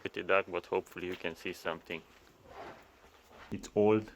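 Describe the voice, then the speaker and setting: A vlogger in his thirties with a Romanian accent chats casually while walking through a construction site, repeating words as he goes. His voice is low-pitched and steady at a normal speed, with a little hiss or hum in the recording.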